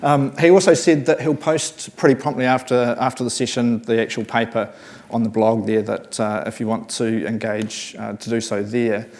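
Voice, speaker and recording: A man's voice: medium pitch, steady tone, normal speed, a little mellow. A man with a broad New Zealand accent gives a conference talk, partly reading from notes, slightly nervous, hesitant and self-deprecating. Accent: broad New Zealand (Kiwi). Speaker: conference presenter reading a colleague's paper. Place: conference session room, speaking to an audience.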